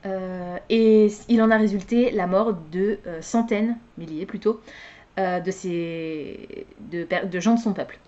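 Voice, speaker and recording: A woman's voice: medium pitch, measured pace, mellow, highs cut off. A young woman chatting casually as a book vlogger, hesitant, with many fillers and self-corrections. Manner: laughs at her own slips. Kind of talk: casual chat.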